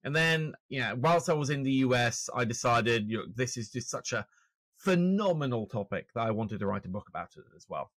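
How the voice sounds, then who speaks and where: An animated, medium-pitched man talks a little fast with a fairly bright tone and no room sound. He is a Norwegian author and finance journalist in his forties with a British accent, guesting on a video-call podcast, self-deprecating and restarting often. The conversational interview comes from a shelf-lined home room via a stand-mounted podcast mic.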